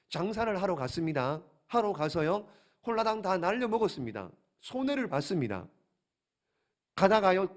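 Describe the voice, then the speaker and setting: A male pastor giving a sermon at a Friday prayer service, asking the congregation rhetorical questions and repeating his key phrases for emphasis. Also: sits high. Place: church sanctuary.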